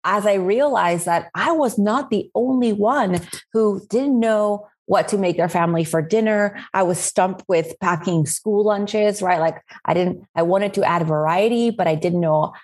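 A woman's voice: mid-range voice, measured pace, darkish tone. Casting: woman in her 40s from Spain, podcast guest, chatty and rambling with "right?" tags. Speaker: guest, meal-planning website founder. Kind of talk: casual podcast interview.

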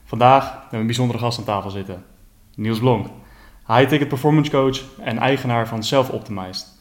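A man's voice: medium pitch, a little fast. Een man presenteert een podcast. Hij leest de introductie van zijn gast voor en stelt daarna aarzelend zijn vragen. Zijn stem heeft een middelhoge toon. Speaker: podcast host. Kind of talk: podcast interview.

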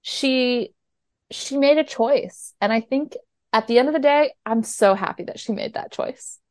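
A woman's voice: a little high, unhurried, darkish tone, dry recording, studio quality. A young woman co-hosting a podcast in casual chat, with wry joking asides. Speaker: podcast co-host.

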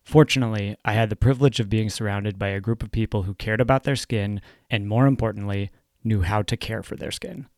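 A man, a dermatologist, reading aloud from his own book in a dry, wry and measured way. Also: on the low side, fairly even intonation, darkish tone, no echo.

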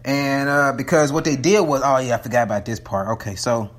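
A man's voice: mid-range voice, brisk. A man rambling casually and profanely about a movie, a bit out of breath as he climbs the stairs of a townhome while holding his phone. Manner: loose, profane, chatty, restarts often. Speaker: vlogger reviewing a movie. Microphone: phone held in hand.

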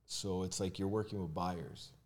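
Deep-voiced man talking candidly. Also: steady tone, moderate pace, darkish tone. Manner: candid, conversational, with frequent fillers and restarts. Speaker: mortgage agent and realtor guest. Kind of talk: casual podcast conversation.

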